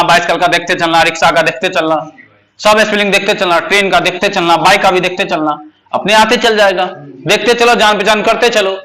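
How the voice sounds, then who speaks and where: A man teaching English spelling to a class, quizzing his students with quick questions and repeating key points. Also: high voice, pushed and bright. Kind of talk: classroom lecture.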